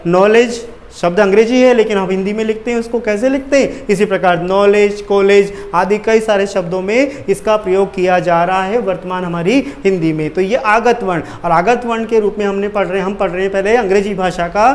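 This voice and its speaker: A man's voice: sits high, fairly even intonation, brisk, hardly any pauses. A male teacher giving an exam-prep grammar lesson at a board, asking questions and answering them himself.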